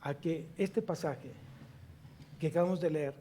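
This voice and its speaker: Pastor, male, high and mellow voice, emphatic sermon delivery with questions to the congregation. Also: slight background noise. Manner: preaching with rhetorical questions to the congregation; slow emphatic reading of scripture. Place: church service.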